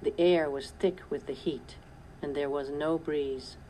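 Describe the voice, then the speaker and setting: A woman reading a children's story aloud in a measured first-person narration. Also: low-pitched, steady tone, dark tone, a little hiss or hum. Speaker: audiobook narrator.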